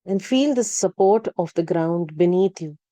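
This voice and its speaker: Calm and gentle, a woman leads a yoga nidra meditation in a slightly low, very mellow and warm voice. The recording is dry and close, with no room sound. She delivers brief instructions unhurriedly, leaving long pauses between them.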